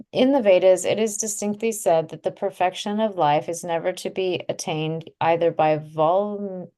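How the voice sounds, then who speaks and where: A woman with a somewhat low voice reads a passage of religious commentary aloud. Her delivery is steady and measured, like someone reading for a study group. It sounds like she is speaking into a video call.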